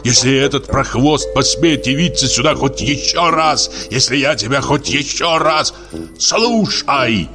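A man voicing a drunk, jealous husband who shouts, scolds and rants at his wife in an audiobook. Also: medium pitch, lively intonation, measured pace, over music, voice pushed up. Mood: furious. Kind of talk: audiobook character voice.

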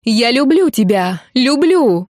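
Shrill jealous girl yelling accusations, a lady reader doing her, a bit higher than the narration. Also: big pitch swings, slow pace, no echo, clean studio sound. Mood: pleading. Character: jealous hysterical young woman rival.

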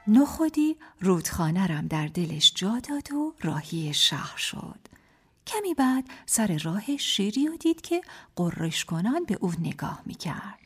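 A woman narrating a fairy tale in a radio play, in a lively storybook manner. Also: medium pitch, noisy background.

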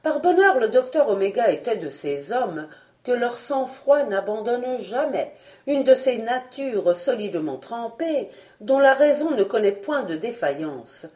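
Woman narrator, audiobook, lively intonation, measured storytelling. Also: a little high. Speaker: audiobook reader. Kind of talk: scripted narration.

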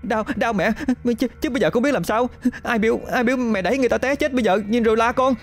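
A man's voice: extremely high pitch, fast, soft background music, pitched above the performer's own voice. A man voicing a cowardly adult daughter in a ghost story, stammering and whining in panic. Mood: pained whining.

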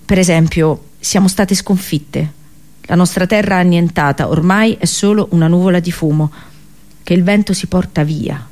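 Performing a solemn radio theatre monologue, an actress plays a captive Trojan princess and prophetess, grave and sorrowful, with literary, declamatory phrasing. Her natural female voice sits on the low side, a little mellow, at a normal pace.

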